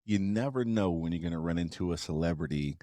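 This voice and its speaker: Deep-voiced, relaxed male podcast host. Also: fast, no echo. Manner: relaxed, playful interviewer. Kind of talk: casual chat.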